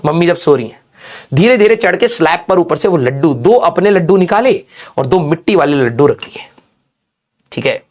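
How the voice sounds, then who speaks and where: Lively male teacher telling a funny story. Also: a little high, normal speed. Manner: animated storyteller who keeps asking "okay?".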